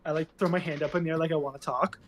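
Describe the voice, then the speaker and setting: A man's voice: fairly high pitch, fairly even intonation, racing, crowd noise. A man playing a tabletop game, chatting and joking in a slangy, rambling way. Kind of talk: casual joking role-play chat.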